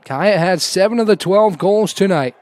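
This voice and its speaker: A man's voice: high-pitched, moderate pace, no room sound. A man giving live play-by-play commentary on a lacrosse game. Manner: raises voice to a shout on goals.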